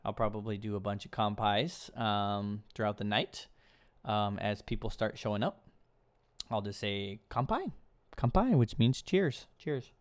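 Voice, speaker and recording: A man's voice: lowish voice, a little slow, clean tone. A young man hosting a casual live stream, chatting loosely with viewers while snacking at a table. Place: indoors at a table, eating snacks.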